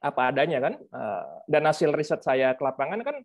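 Speaking briskly in a somewhat high, sing-song voice, this researcher and author appears as a webinar guest and talks through his views casually, with frequent fillers and rhetorical tags, over a video call mic.

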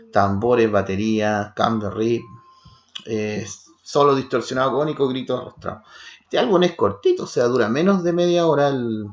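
Gravelly Chilean man reviewing records, lo-fi. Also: medium pitch. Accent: Chilean Spanish. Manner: rattles off terse fragments while listening, with restarts. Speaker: metal album reviewer. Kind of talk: casual spoken album review. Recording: roomy, dull lo-fi home recording.

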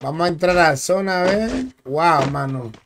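The audio has a noisy background as a young gaming streamer from the Dominican Republic talks at normal speed in a fairly high voice. With his Dominican Spanish accent, he gives live gameplay commentary, chatting in slang and naming viewers as he greets them.

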